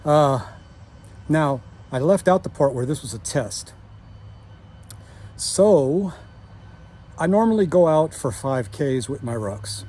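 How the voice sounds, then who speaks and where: A man's voice: on the high side, expressive, slow pace, pauses often, warm tone. A man in his fifties talking casually to camera during outdoor exercise, out of breath and speaking with a missing front tooth. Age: 50s. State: winded, out of breath. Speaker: fitness vlogger. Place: outdoors on a walking route. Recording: outdoor noise, passing vehicle sounds.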